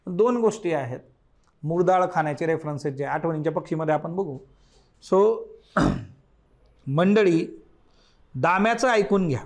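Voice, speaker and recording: A man's voice: fairly high pitch, lively intonation, unhurried, pauses often. A man teaching a literature class for exam preparation. He reads passages aloud and explains them line by line, often addressing the class directly. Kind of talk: exam-prep lecture on a short story.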